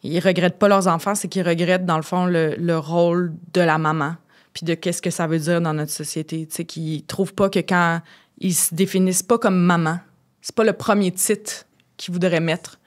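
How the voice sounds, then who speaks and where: A woman's voice: lowish voice, fairly even intonation, moderate pace. A woman in her thirties with a Québécois accent, chatting openly as a podcast guest with restarts and fillers. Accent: Québécois French. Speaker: guest, playwright and actor. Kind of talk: casual podcast chat.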